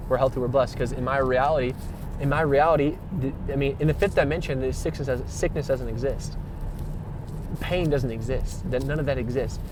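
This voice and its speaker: A man's voice: mid-range voice, background noise. A man giving a rambling spiritual monologue, slangy and emphatic, repeating himself and swearing freely, with rhetorical questions. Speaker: spiritual vlogger.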